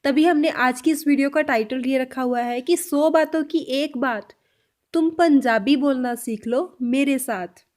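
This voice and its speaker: A woman giving a spoken language lesson, patiently explaining and saying example sentences slowly, then repeating them. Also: high voice, darkish tone. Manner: clear, patient explanation addressed to viewers. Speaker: language teacher.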